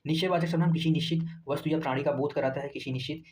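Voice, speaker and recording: A man's voice: fairly high pitch, steady tone, racing, darkish tone, slight background noise, low-quality recording. Man teaching, quizzing himself aloud. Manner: repetitive, quizzing the class and answering himself. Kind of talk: exam-prep lesson.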